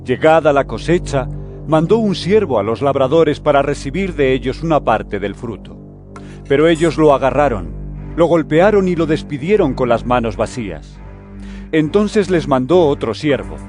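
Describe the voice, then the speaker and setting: An actor playing Jesus as an earnest, firm teacher with solemn, declamatory delivery in a scripture audio drama. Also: male voice, mid-range voice, animated, normal speed, darkish tone, natural voice. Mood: solemn storytelling. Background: music.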